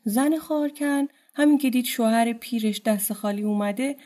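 A woman narrating a folk tale in a gentle, colloquial storytelling manner. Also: on the high side, steady tone.

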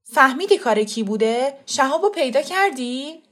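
A woman's voice: high voice, lively intonation, fairly bright tone, voice pushed up. A woman voicing an anxious, worried uncle in an audiobook, drawing out his urgent questions.

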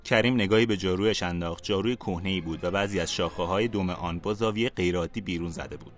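A man calmly narrating a fantasy storybook for a podcast. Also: sits low, faint music behind.

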